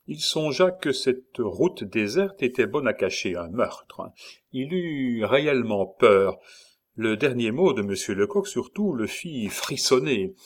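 A man narrating an audiobook in a measured, literary reading voice. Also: lowish voice. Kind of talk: scripted narration.

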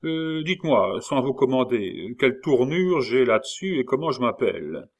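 A man's voice: medium pitch, big pitch swings, moderate pace, highs cut off, voice pushed up. A man reading aloud and voicing a sly, jovial male tavern-keeper and convict who talks in a familiar, mocking way. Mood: boisterous, scheming.

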